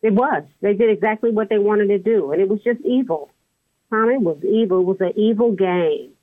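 A woman's voice: mid-range voice, a little fast, dry recording. A woman co-hosting a podcast, giving impassioned, conversational commentary. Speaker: podcast co-host. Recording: tinny phone-like line.

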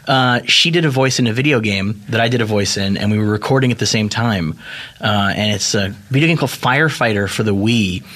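A man's voice: fairly low pitch, a little fast, fairly bright tone. A man hosting a podcast, chatting casually, joking and stumbling over words. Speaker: podcast host. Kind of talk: casual chat.

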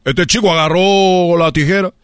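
A man telling a comic story on a radio show, animated and playful. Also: high voice, moderate pace, clean tone, no echo, clean studio sound.

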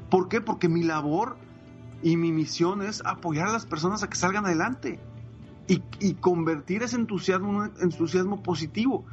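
A man talks as a coach on a podcast, eager and emphatic, dropping "eh" and "pues" as he goes. His voice sits a little high. The sound is somewhat dull and lo-fi, with faint music underneath. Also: moderate pace. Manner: enthusiastic, emphatic, frequent fillers like "eh" and "pues". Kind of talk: conversational podcast chat.

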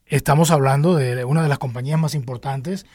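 A man's voice: medium pitch, fairly even intonation, brisk, darkish tone, breathy edge, no room sound. An older man from Cuba with a Cuban Spanish accent, a singer telling his life story in an interview, with many restarts and fillers. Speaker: guest singer.

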